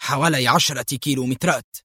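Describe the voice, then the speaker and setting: A man's voice: mid-range voice, quick pace, sharp tone, breathy edge, no echo, clean studio sound. A man voicing a nervous, frightened male companion in an audio story, asking worried questions. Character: anxious frightened middle-aged male companion.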